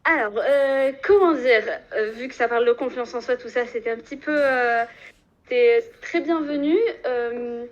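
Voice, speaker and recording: A woman in her twenties from Algeria, whose first language is French, phones into a live stream and talks with lots of fillers and restarts. Her voice is fairly high and moderately paced, and the call sounds muffled.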